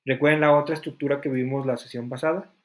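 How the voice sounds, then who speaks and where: A man's voice: mid-range voice, steady tone, fast. A man teaching a class, explaining points step by step and asking students questions. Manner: explanatory, asks the class questions, frequent fillers. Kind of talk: classroom lesson.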